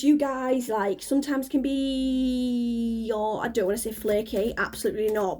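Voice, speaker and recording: Giggly, chatty woman reading tarot. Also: fairly high pitch. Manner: chatty, giggly, rambling, animated asides. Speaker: tarot reader. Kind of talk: casual tarot reading to camera.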